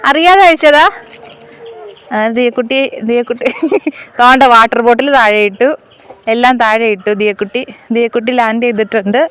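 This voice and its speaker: A woman's voice: fairly high pitch, normal speed, a bit bright, clean tone. A young woman and mother chatting casually in a family vlog, coaxing and teasing small children.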